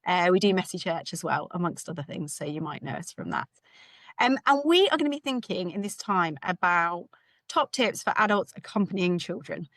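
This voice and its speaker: A British woman in her thirties, slightly hoarse, giving an informal, chatty conference talk as a ministry leader. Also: lowish voice, very animated, normal speed, fairly bright tone, dry recording. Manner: chatty, informal, with light laughs.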